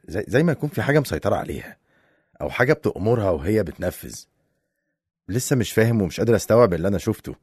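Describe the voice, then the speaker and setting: A man's voice: low voice, darkish tone, slightly rough, no room sound, studio quality. A man with an Egyptian Arabic accent acting a troubled husband in an audio drama, reassuring his partner. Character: worried husband recounting a strange attack.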